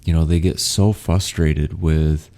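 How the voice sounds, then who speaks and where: A man's voice: very deep voice, steady tone, unhurried, mellow. A young man hosting a podcast, talking casually and laughing often, with many fillers. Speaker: podcast host. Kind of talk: casual conversational interview.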